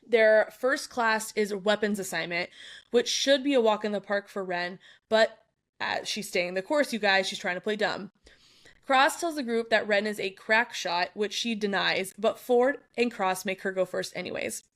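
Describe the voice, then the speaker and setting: A young adult woman talks through a book's chapters on a podcast she co-hosts. Her delivery is animated and chatty, broken up by frequent laughter and quick side remarks. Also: mid-range voice. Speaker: book club podcast co-host. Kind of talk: casual chat recapping a book.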